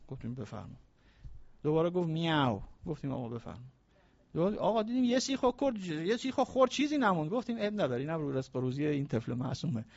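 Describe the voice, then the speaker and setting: A man giving an informal lecture on Persian poetry, mixing anecdotes with slowly recited verses. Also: on the high side, dry recording, dull audio. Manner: animated storyteller, slows down to recite verses.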